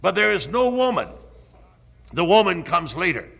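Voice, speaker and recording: A man preaching a sermon as a pastor. He is emphatic, repeats phrases slowly and deliberately, and his pitch rises sharply at times. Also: very animated, gravelly, a bit bright.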